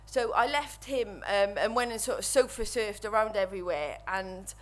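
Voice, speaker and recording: A Welsh woman in her thirties, medium-pitched, stands at a microphone before an audience and nervously shares her recovery story as personal testimony. Her delivery halts and keeps restarting.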